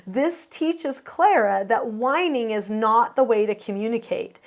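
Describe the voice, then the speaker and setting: A woman's voice: on the high side, unhurried. A woman hosting, earnestly explaining a home video to viewers and asking them questions. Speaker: host and parenting teacher.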